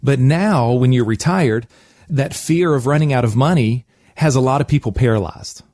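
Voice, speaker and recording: A man's voice: mid-range voice, normal speed, a little mellow, no room sound, studio quality. A man coaching listeners conversationally as a financial advisor, emphatic and coaxing, often checking in with short tag questions. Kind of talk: conversational advice podcast.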